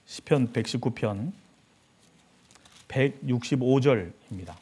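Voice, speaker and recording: A male pastor preaching a sermon, telling a story with lively acted-out voices. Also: medium pitch, slow pace, slightly rough. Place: church sanctuary.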